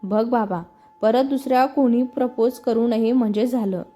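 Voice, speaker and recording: A woman's voice: a little high, normal speed, warm tone, faint music behind, lightly acted. A woman voicing a playful, teasing young man, the hero's best friend, in a storybook reading. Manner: teasing, mock-dramatic.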